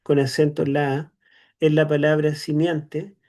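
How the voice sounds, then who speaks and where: A Chilean man lectures on scripture to an online class. His voice sits a little high and has a gravelly edge, and he explains slowly, filling pauses with "eh" and checking in with tag questions. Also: monotone, darkish tone. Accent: Chilean Spanish. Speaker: seminary teacher.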